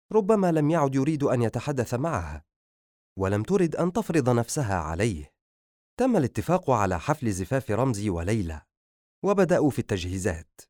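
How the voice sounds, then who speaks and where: A man narrating a novel as an audiobook in an expressive storytelling way. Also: medium pitch, no room sound, studio quality.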